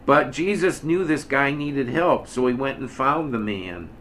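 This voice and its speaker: A man's voice: mid-range voice, animated, measured pace, a bit bright, slight background noise. Folksy older male preacher. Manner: plain-spoken, folksy, rises to emphatic acted quotes. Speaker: minister. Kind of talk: conversational sermon.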